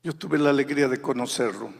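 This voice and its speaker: Man, pastor, sermon, husky, passionate, swings from loud to hushed, echoing hall. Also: mid-range voice, fast talker. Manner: impassioned preaching, swells loud then drops to near whisper.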